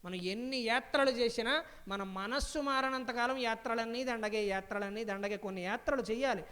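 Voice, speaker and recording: A young male spiritual speaker gives a storytelling discourse from a stage, his very high voice smooth and resonant. He breaks into slow chanted verses and asks the audience question after question. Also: sharp tone. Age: young adult. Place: stage before a live audience.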